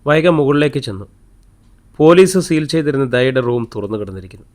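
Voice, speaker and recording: A man narrating a story audiobook in a steady, measured reading voice. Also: medium pitch.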